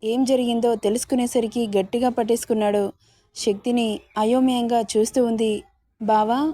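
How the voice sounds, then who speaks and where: Female storyteller, mellow, dry close-mic narration. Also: on the high side, flat delivery, brisk, dry recording.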